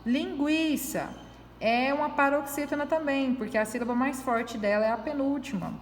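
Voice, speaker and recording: A woman's voice: sits high, fairly quick, slight background noise. A woman teacher going over a corrected test, explaining each answer patiently and step by step, checking in with frequent tag questions. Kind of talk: reviewing a test with students. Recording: echoey room with long reverb.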